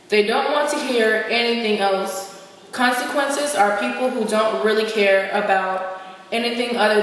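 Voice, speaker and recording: A woman's voice: mid-range voice, natural voice. A woman playing an indignant male philosopher in an amateur skit, talking in slang and ranting. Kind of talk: amateur skit role-play. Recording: echoey hall from far off.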